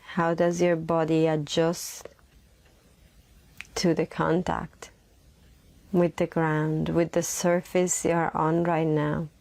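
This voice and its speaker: Her voice sits low and her delivery is completely flat as she leads a gentle guided meditation. She takes her time, pausing at length and repeating phrases in a soft tone that is breathy at moments.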